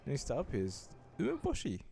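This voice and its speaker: A young man giving relaxed, dryly joking voice-over commentary as he rates food. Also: mid-range voice, normal speed, vocal fry, soft background music. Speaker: vlogger rating food.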